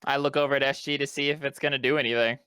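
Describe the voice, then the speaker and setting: A man's voice: medium pitch, little pitch movement, very fast, bright, forceful tone, smooth, no echo. A man playing a tabletop game, speaking in an earnest, cautious way. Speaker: player. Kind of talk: casual tabletop play.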